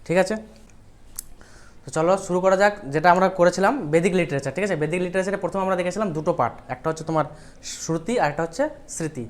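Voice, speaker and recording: A woman's voice: lowish voice, fast. A woman teacher with a Bengali accent giving an exam-prep history lecture, explaining step by step and often checking with questions.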